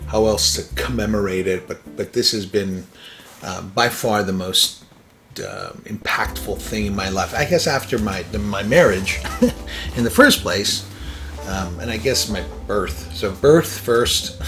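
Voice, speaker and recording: Rambling lower-voiced man from Iran. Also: a little slow, a bit bright, soft background music. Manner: rambling, filler-heavy, self-interrupting; chuckles between thoughts. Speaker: podcast host. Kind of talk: casual personal monologue.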